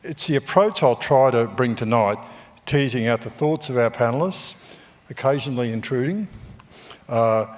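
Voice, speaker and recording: A man, a former newspaper editor, moderating a panel discussion on a theatre stage and speaking in a measured way with frequent ums and uhs. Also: medium pitch. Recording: theatre hall reverb.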